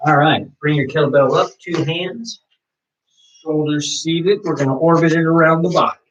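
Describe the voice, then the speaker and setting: A man instructing a morning kettlebell workout, calmly explaining stretches and cueing moves. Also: on the high side, normal speed, distant mic. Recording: dull lo-fi sound.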